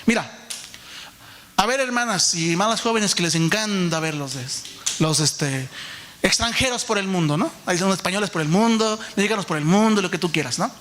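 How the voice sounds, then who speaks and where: A man's voice: high voice, moderate pace, a little hiss or hum. A pastor in his forties preaching a sermon, asking many rhetorical questions and calling out to his listeners as brothers and sisters. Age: 40s. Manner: animated preaching, many rhetorical questions, calls the audience "hermano".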